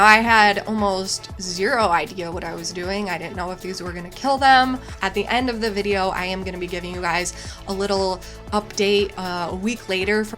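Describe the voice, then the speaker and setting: A woman chatting casually about her garden projects, partly on camera and partly in voice-over, with lots of "like" fillers. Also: medium pitch. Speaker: home gardening vlogger. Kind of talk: casual vlog chat and voice-over.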